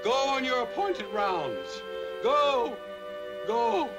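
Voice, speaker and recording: An actor playing a fussy Martian uncle who is sick with a cold, complaining theatrically in a 1960s sitcom. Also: male voice, very high-pitched, huge pitch swings, extremely slow, highs cut off, over music, heavily acted. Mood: whiny sick. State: sniffly with a cold, sneezing.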